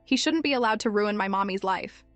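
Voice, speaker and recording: A scheming little boy speaks with a cool, mocking edge, far sharper than his years, as a woman reads him. The delivery is clipped and calm, close and dry, with faint music beneath. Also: medium pitch, brisk, no echo, lightly acted. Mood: cold. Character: cold, calculating five-year-old boy, sharp beyond his years.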